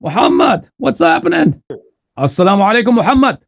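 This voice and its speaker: A man hosting a live call-in debate, pressing his guest with animated, challenging questions. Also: very high-pitched, fairly quick, gravelly. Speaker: show host.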